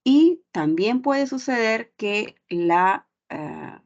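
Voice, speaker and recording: A woman's voice: on the high side, expressive, drawn-out words. A woman teaching an online class, explaining patiently and often checking in with short tag questions. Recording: dull lo-fi audio.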